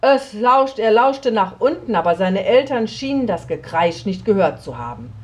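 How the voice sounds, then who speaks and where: A woman reading a children's story aloud, slow and expressive, often sinking to a soft near whisper. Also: medium pitch, background noise.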